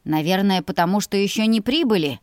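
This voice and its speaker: A woman's voice: medium pitch, expressive, brisk, a little mellow, no room sound, close to an everyday voice. A weary middle-aged father grumbles in a storybook tale, voiced by a woman reading aloud. His tone is tired and plain, without flourish. The sound is dry and close. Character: gruff worried noble father, middle-aged.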